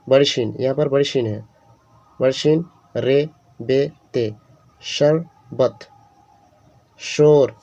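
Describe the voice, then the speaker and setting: A man's voice: medium pitch, dark tone. A man teaching a beginner lesson, spelling out letters and repeating each sound carefully. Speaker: Urdu teacher.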